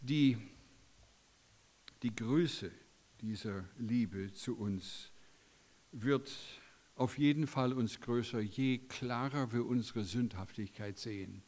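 A man preaching a sermon in an emphatic way, his voice swinging from loud high peaks down to quiet low endings. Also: slow pace.

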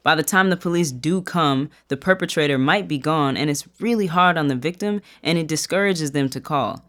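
An advocate for crime victims, explaining calmly in an interview. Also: mid-range voice, moderate pace.

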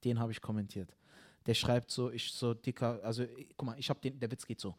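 A young man, a comedian hosting the show, chatting casually and telling a story with animated energy, getting loud when riled. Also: mid-range voice, fairly quick. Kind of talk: casual chat.

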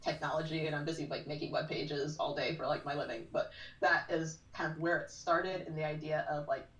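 A woman's voice: deep voice, steady tone, brisk, fairly bright tone. A woman in her forties, a podcast guest, chatting casually and telling stories with a lot of "like". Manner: chatty storyteller, frequent "like". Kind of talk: casual chat. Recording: roomy, distant from mic.

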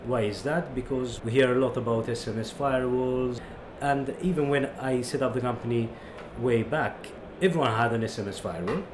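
A man with a Maltese accent gives explanatory interview answers as a company chief. His voice sits at a middling pitch. The recording is echoey, with clear noise around him. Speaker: company CEO and co-founder, interview guest. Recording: roomy, echoing, noisy venue.

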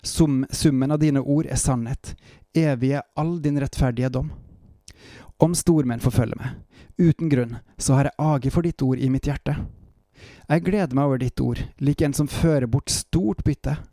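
Calm Norwegian man reading scripture. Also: medium pitch, no echo, studio quality. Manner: calm, measured reading with short reflective asides. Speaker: Bible reader and preacher. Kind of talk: Bible reading with devotional commentary.

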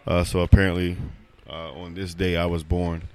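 A very deep-voiced man in his thirties hosting a laid-back podcast. He rambles and restarts, breaks into laughter often, and talks loudly and playfully. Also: level tone, normal speed. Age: 30s. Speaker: podcast co-host. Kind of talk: casual chat.

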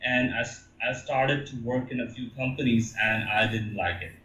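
A man from Pakistan, a musician guest, talking haltingly with many fillers and restarts. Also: mid-range voice, pushed and bright, echoey room, low-quality recording. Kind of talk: casual interview talk.

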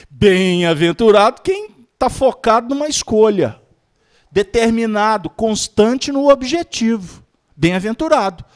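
A man giving a lively Spiritist study talk, joking and acting out little scenes as he teaches. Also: extremely high pitch. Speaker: lecturer of a Spiritist study group.

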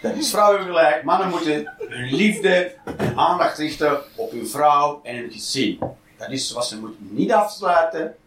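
Male stand-up, high lively voice, blunt and profane, roomy distant sound with noise. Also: moderate pace. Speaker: stand-up comedian. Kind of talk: stand-up comedy routine. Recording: echoey, distant, noisy live recording.

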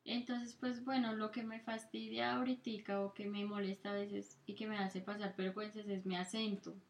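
A woman from Colombia with a Colombian accent, answering interview questions in a relaxed conversation, often reaching for fillers as she thinks. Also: medium pitch, moderate pace, vocal fry. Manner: thoughtful, leans on fillers like "pues" and "como". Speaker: guest.

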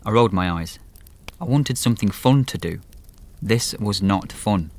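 A wry man in his late twenties, acted by a male narrator, tells a first-person horror podcast tale. He is conversational and dry, with a slightly low pitch. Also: moderate pace, dry recording, close to an everyday voice. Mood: dryly resigned. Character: Rob, wry sardonic twenty-nine-year-old man telling his story.

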